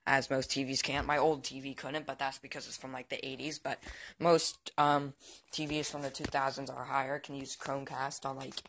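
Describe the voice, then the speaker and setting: This amateur vlogger, a young male in his teens or barely an adult, rambles through a casual show-and-tell indoors by the TV at home, often hesitating and trailing off. He speaks at a moderate pace in a mid-range, level, fairly bright voice over a little hiss or hum.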